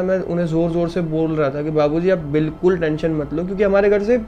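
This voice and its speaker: A young man, a vlogger, quietly recounting a personal loss in a halting, somber way. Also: on the high side. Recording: slightly dull recording with faint background noise.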